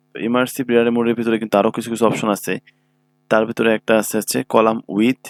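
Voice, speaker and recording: Man teaching software, low voice with hum. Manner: patient step-by-step explaining, often checks "ঠিক আছে?". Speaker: computer instructor. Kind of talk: screen-recorded software tutorial. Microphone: own microphone.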